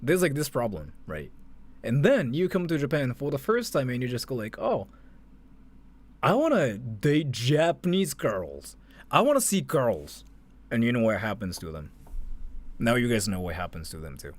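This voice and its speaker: Rambling through loose reaction commentary, this livestream host speaks in a mid-range voice with big pitch swings at a moderate pace. His talk is offhand and conversational, full of fillers such as "like."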